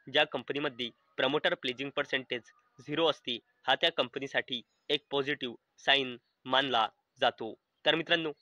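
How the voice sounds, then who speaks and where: A man with a Marathi accent hosting a stock market channel, reading out company figures in a steady scripted explainer and addressing viewers as friends. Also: medium pitch, dry recording, poor audio.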